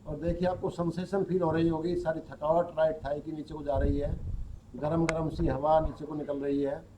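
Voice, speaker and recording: A man guides a yoga nidra session, talking the listener through relaxing each part of the body in calm, slow instructions. His voice sits a little high for a man. Faint ambience hums behind him. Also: noisy background. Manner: calm, slow instructions mixing Hindi with English words. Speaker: yoga teacher.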